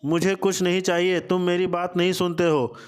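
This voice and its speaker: A man's voice: high voice, flat delivery, normal speed, clean tone, lightly acted. A man reading as a sulky childlike woman. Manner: pouting, repeats herself. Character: childlike sulky grown woman, stubborn and innocent.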